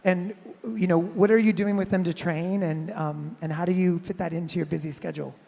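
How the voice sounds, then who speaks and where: A woman interviewer asking measured, prepared questions on stage in front of a live audience. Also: on the low side, fairly even intonation, gravelly, mellow. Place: large hall before a live audience. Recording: long hall reverb.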